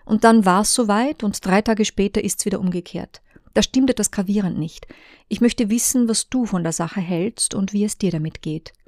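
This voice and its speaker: A woman's voice: mid-range voice, normal speed, a little mellow, no echo, studio quality, natural voice. A woman reading the written messages of a man who is upset about his partner, voiced plainly and urgently. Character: Joe, a distressed man in love.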